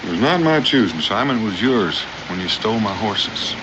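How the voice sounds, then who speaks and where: An actor playing a steady, principled frontiersman in a 1960s TV western, with a plain-spoken, folksy cowboy manner. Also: lowish voice, normal speed. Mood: dry. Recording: muffled, noisy old TV soundtrack.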